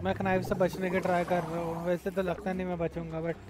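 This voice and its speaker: A man's voice: sits high, flat delivery, a little fast, background noise. A man streaming a co-op game, giving bossy, urgent instructions to his partner and teasing his chat. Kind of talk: casual live-stream gaming chat.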